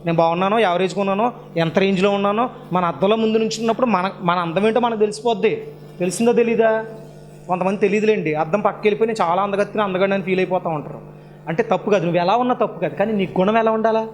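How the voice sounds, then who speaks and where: A high-voiced man delivers a sermon. He keeps throwing rhetorical questions at the congregation, lifting to loud emphatic peaks on key words and then sinking to low, quiet asides. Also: rapid-fire. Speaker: preacher.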